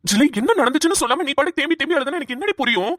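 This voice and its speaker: A woman's voice: high-pitched, expressive, racing, a bit bright, no room sound, clean studio sound. A woman voicing a caring but pushy young woman in a cartoon, pressing questions. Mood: insistent. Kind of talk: cartoon voice acting.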